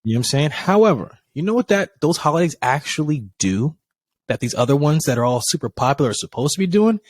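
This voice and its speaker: A man co-hosting a podcast in casual chat, telling stories with lively, acted-out dialogue and casual swearing. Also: on the high side, fast talker, dry recording. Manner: animated storytelling, acts out quoted dialogue, swears casually. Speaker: podcast co-host.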